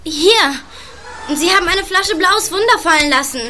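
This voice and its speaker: A woman's voice: extremely high pitch, moderate pace, sharp tone, slight background noise. An actress in a German audio drama playing an eager, polite and spirited girl adventurer. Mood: alert.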